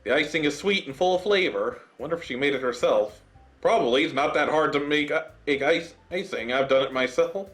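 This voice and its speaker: A man's voice: on the high side, fairly quick, faint music behind. A man gaming YouTuber reading a visual novel aloud, cracking jokes between lines. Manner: animated, joking.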